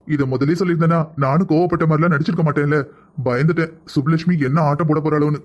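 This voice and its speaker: An old grandfather rules this cartoon household, as a male actor brings him to life. He scolds and soothes by turns in a rapid, somewhat high voice. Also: fairly even intonation, natural voice. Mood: relieved. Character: old grandfather, head of the family. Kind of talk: cartoon family drama acting.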